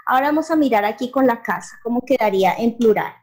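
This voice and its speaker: Woman, high-pitched, patient coaching teacher, echoes answers. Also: lively intonation, fast, a little mellow. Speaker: English teacher. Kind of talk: beginner English lesson dialogue.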